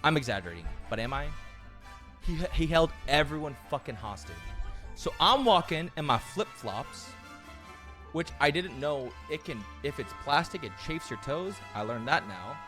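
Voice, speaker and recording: A man telling a travel story in an animated, profane, self-mocking way. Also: a little high, normal speed, faint music behind. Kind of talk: casual storytelling.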